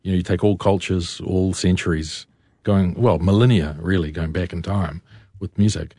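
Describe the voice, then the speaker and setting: A man's voice: low voice, dark tone, no room sound, studio quality. A man, a composer and interview guest, explaining his ideas articulately and with enthusiasm. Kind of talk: interview answers.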